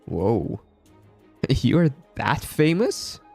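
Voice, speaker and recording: A man's voice: medium pitch, very animated, drawn-out words, vocal fry, husky, faint music behind. A man from the Philippines streaming a game, chatting casually and joking with viewers. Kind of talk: casual live commentary.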